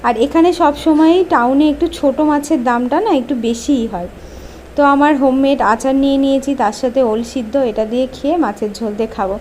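Pregnant bengali village vlogger, high voice, chatting away while she cooks, bit of background hiss. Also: fast, darkish tone. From West Bengal, India. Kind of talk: casual cooking vlog chat. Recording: faint background noise.

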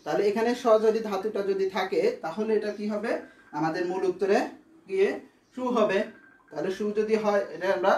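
Man, grammar teacher, high voice, asks and answers his own questions, echoey room. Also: fairly even intonation, brisk, a little mellow. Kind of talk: classroom lesson.

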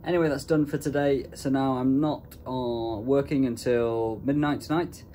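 A cruise ship deck officer in his twenties vlogs his day, holding a phone at arm's length and casually explaining his workday as he moves through offices and mess rooms on board. His mid-range voice runs at normal speed in a relaxed, explanatory, conversational manner, with slight background noise.

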